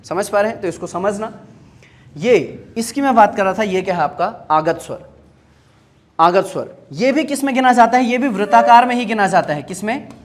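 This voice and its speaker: A man's voice: sits high, lively intonation, normal speed. A man teaching a grammar lesson, asking questions and answering them himself, repeating key terms and checking that students follow. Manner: drills by asking and answering his own questions. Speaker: Hindi teacher.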